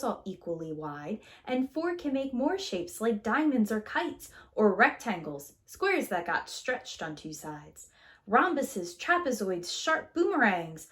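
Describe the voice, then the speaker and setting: Reading a children's picture book to her class, a woman who teaches preschool uses a medium-pitched voice and a theatrical, sing-song, expressive delivery.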